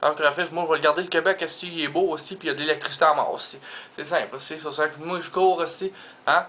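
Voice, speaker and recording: A man's voice: a little high, fairly even intonation, fast, sharp tone, a little hiss or hum. A man with a Québécois French accent doing a rambling comic monologue, peppered with Quebec swear fillers and English words. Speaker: stand-up comedian.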